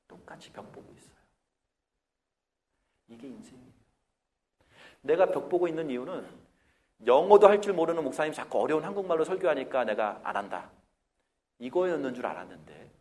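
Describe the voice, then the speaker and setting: Animated Korean pastor preaching a sermon. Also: male voice, mid-range voice, a little fast, pauses often. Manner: animated preaching, acts out whiny complaints in a raised voice. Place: Korean church in Melbourne.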